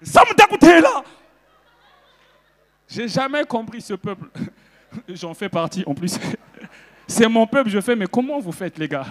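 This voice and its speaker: A man from Congo doing stand-up comedy on a festival stage, animated and breaking into loud shouted character bits. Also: high-pitched, big-room sound. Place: festival stage before a live audience.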